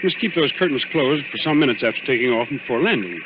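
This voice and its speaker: An actor playing a calm, gallant, reassuring naval lieutenant commander in an old radio drama. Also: male voice, mid-range voice, fast, close to an everyday voice. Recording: muffled, noisy old radio recording.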